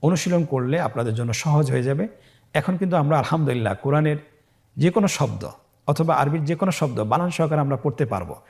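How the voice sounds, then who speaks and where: A man teaching Arabic letter spelling with vowel marks, drawing out each syllable slowly and then explaining calmly to viewers. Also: fairly high pitch, vocal fry. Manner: slow, drawn-out syllables when spelling words aloud; calm explaining tone, addressing viewers directly. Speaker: Quran reading teacher. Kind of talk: step-by-step spelling drill lesson.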